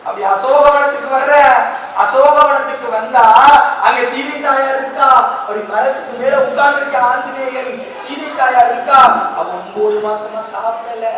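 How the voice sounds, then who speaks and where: High-voiced woman telling a devotional epic. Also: a little hiss or hum. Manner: dramatic, emotional, asks the audience rhetorical questions. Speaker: religious discourse speaker. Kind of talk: devotional storytelling discourse. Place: large hall with a live audience. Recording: very echoey hall, far-off mic.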